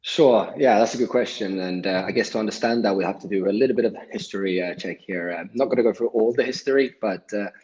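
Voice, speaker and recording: A man from Sweden speaks as a guest over a video call, his voice sitting fairly low. He explains in a measured, steady way, with plenty of small filler words. The audio is dull and lo-fi, like remote call sound. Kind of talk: livestream interview.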